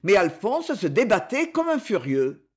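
A narrator reading a classic novel aloud in an expressive, dramatic manner. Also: medium pitch, a little slow, breathy edge. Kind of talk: audiobook narration.

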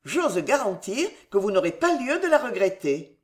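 A woman voicing an excitable, fawning young gentleman who pleads theatrically. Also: mid-range voice, normal speed, natural voice.

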